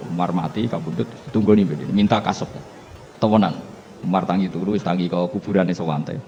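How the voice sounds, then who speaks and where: Low-voiced Javanese cleric telling stories. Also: male voice, steady tone, fairly quick, warm tone. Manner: storytelling, chuckling, mixing in local words. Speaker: Islamic cleric. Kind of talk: humorous religious lecture. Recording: dull lo-fi recording with faint hiss.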